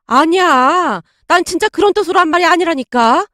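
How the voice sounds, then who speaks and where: A woman's voice: extremely high pitch, expressive, normal speed, bright, forceful tone, dry recording, studio quality, pitched above the performer's own voice, heavily acted. A woman voicing an elderly widowed grandmother who speaks with indignant, old-fashioned phrasing. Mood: defensive.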